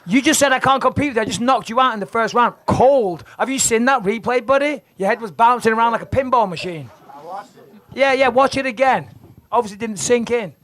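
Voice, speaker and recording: A man's voice: very high-pitched, brisk, a bit bright. A male fighter doing cocky, needling trash talk.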